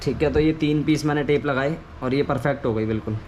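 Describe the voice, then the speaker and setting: Speaking quickly in a mid-range, slightly dark voice, this video creator offers an informal how-to, going step by step and frequently repeating points. There's noticeable ambient noise behind him.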